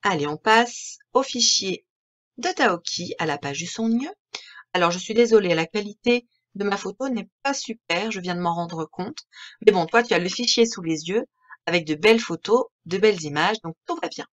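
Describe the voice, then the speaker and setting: A woman with a French accent, teaching a reading lesson to young children in a slow, clear, patient way that spells out each word. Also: medium pitch, lively intonation, highs cut off. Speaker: primary school teacher.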